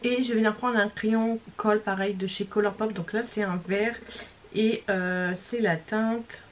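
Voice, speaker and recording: A woman's medium-pitched voice, fairly even in intonation and a bit slow, comes through poor audio with slight background noise. She's a beauty vlogger chatting casually through a makeup tutorial, describing each step, correcting herself, and sometimes dropping to a near-whisper.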